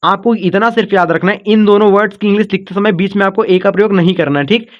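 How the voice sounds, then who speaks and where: Male teacher, high voice, patient step-by-step explaining, keeps checking in with students, dull lo-fi sound. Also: fast talker. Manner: patient, repetitive explaining, breaks words into syllables; calls listeners "kids" and "brother", checks in with "okay". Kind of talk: online spelling lesson.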